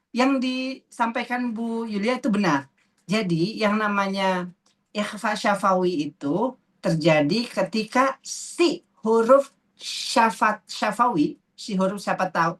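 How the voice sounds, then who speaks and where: A woman teaching a tajwid class, patiently asking students questions and repeating terms slowly. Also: on the high side. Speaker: Quran recitation teacher.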